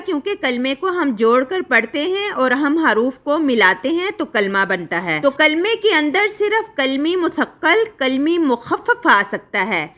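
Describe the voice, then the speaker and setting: A woman's voice: high voice, pushed and bright. A young woman teaching a recitation class, explaining step by step and asking questions she then answers herself.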